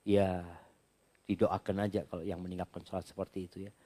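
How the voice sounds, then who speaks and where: A man working as an Islamic preacher who reads out audience questions and then answers them. He explains each point in a relaxed, conversational way during a question-and-answer religious talk. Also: sits low, brisk, breathy edge.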